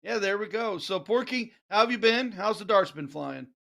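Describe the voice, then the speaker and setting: A man with a distinctly high voice and an Ozark accent. He works as a play-by-play host for darts, calling the match live and chatting casually with his co-commentator. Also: lively intonation, normal speed, creaky, fairly bright tone.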